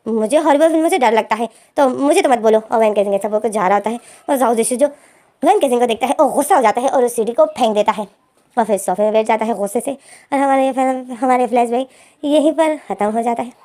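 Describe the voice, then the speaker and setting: A young woman retelling a drama's plot as a storyteller, in a steady, plain recounting manner. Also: fairly high pitch, quick pace.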